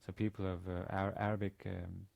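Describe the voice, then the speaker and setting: Lecturing as a language teacher in an indoor studio with a plain grey backdrop, a man in his forties from Denmark speaks with a Danish accent. His very low, slightly mellow voice crackles with fry and barely moves in pitch. He falters often and repeats little words.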